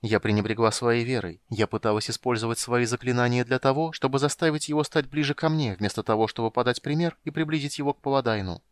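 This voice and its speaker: A man's voice: mid-range voice, quick pace, hardly any pauses, clean tone, no echo, close to an everyday voice. A man voicing a self-reproaching young priestess. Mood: reflective. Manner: quiet inner reflection.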